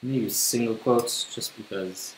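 Typing through a casual screencast, a young coding tutor talks to himself at a normal pace. His pitch is medium. Faint hiss and a roomy home sound fill the background.

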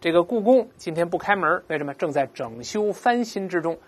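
Woman, vocabulary teacher, patient explaining, low pitch, animated. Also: husky. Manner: explains patiently, slowly models pronunciations for repeating; asks "right?" often. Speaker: English teacher. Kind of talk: vocabulary lesson.

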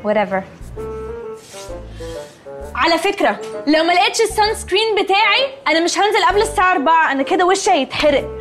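A woman's voice: very high voice, expressive, fast, long pauses, music in the background. An actress playing a haughty, spoiled young woman who brushes others off and drops English words into Egyptian Arabic. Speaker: Nelly, comic film character. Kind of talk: Egyptian comedy film acting.

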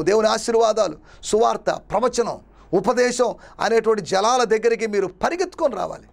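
A man's voice: sits high, gravelly. A man preaching a sermon as a pastor, with dramatic repetition and rhetorical questions. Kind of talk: Telugu sermon.

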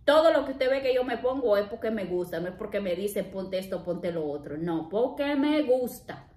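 A woman's voice: a little high, lively intonation, moderate pace, darkish tone, reverberant. A woman, chatting casually to her viewers in a vlog and calling them her loves. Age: 30s. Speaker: vlogger.

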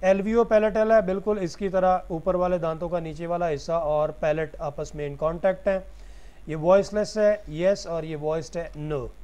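A man's voice: high voice, fairly even intonation, moderate pace, warm tone, clean tone. A man giving a recorded lecture, explaining each point step by step and answering his own questions.

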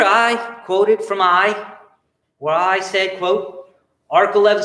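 A man's voice: sits high, fairly bright tone, reverberant. A middle-aged man with traces of a New York accent, lecturing on law in a chatty, digressive way with self-mocking humor. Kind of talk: explanatory lecture with wry asides.

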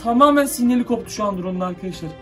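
High-voiced young man, jittery and scared. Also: lively intonation, very fast, recorded from a distance. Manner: frightened, jittery, talks to viewers, mutters commands to the drone. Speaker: YouTuber. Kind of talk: excited horror-drone vlog. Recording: voice from off the mic, light music behind.

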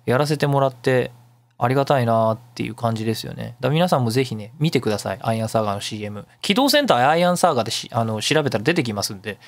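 A radio show host with a mid-range voice runs a casual solo talk segment, chatty and emphatic as he explains things step by step. The recording has no room sound, with music playing behind his voice.

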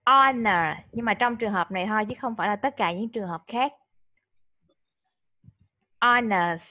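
A woman's voice: medium pitch, normal speed. Patient woman tutor on a dull call. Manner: patient, coaxing, mixes Vietnamese and English. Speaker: online English tutor. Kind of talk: vocabulary drill with a child.

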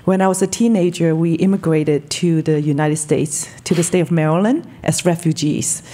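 A woman's voice: low voice, fairly even intonation, moderate pace, dark tone. A woman in her fifties from Hong Kong, a guest in a podcast studio, talking earnestly and with enthusiasm into a studio mic. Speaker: guest, telecom marketing director. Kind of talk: interview conversation. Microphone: studio mic on boom arm.

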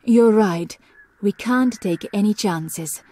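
A woman's voice: mid-range voice, takes it slowly, dark tone, breathy edge. A woman voicing a bold, determined female spy in an adventure game, with a poised, theatrical delivery. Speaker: game heroine.

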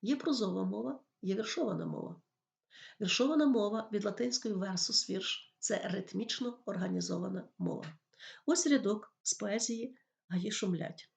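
A literature teacher with a medium-pitched, creaky, somewhat dark voice gives a school lesson on poetry at normal speed. She explains patiently and reads lines of verse aloud.

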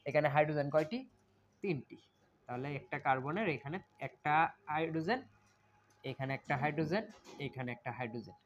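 Male chemistry tutor, slightly high voice, repetitive question-and-answer delivery. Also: animated, brisk, long pauses, lo-fi sound, a little hiss or hum. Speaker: chemistry teacher. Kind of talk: classroom lecture.

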